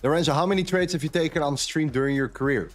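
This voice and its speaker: On a trading live stream, a Dutch man chats candidly and repeats phrases for emphasis. His voice is fairly high and he talks fast, with faint music in the background.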